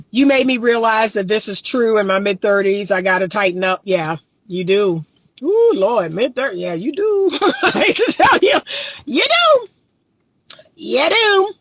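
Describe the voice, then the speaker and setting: With a mid-range, slightly bright voice and no echo, a thirty-something female relationship coach speaks casually and bluntly from her car. She reads comments from viewers and laughs a lot.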